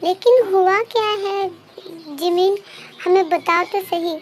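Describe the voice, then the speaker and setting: A woman's voice: extremely high pitch, steady tone, takes it slowly, slight background noise. A woman voicing a worried middle-aged mother. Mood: anxious. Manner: anxious, questioning. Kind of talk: fan dub story voice acting. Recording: faint background music.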